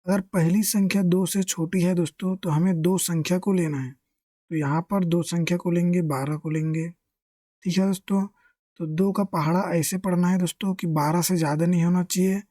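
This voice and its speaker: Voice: mid-range voice, warm tone, dry recording, studio quality. A maths teacher giving a step-by-step lesson, asking questions and answering them, and keeping to a friendly address to the viewers. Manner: keeps addressing listeners as friends.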